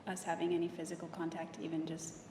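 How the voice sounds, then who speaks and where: A woman giving courtroom testimony, speaking softly and hesitantly from the witness stand. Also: low-pitched, quick pace, background noise. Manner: soft, flat and hesitant. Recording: distant, echoey courtroom audio with long reverb.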